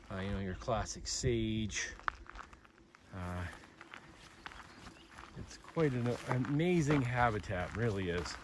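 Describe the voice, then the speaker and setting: Man narrating a grassland hike, halting. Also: mid-range voice, slight background noise. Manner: relaxed, halting, many fillers. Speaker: wildlife photographer. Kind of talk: casual vlog narration while hiking. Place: outdoors in open grassland.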